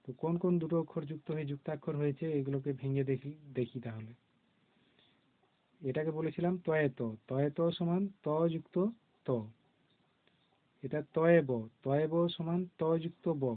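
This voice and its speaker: A man teaching young children to read, spelling out letters slowly and patiently in a classroom lesson. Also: a little high. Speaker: primary school teacher. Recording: tinny phone-like recording.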